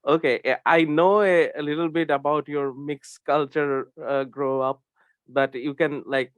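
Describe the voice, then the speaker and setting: A man's voice: on the high side, fairly even intonation, a little slow, no room sound. A man hosting a casual podcast, hesitant and filling his speech with "like" and "uh". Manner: hesitant, full of fillers. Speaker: podcast host.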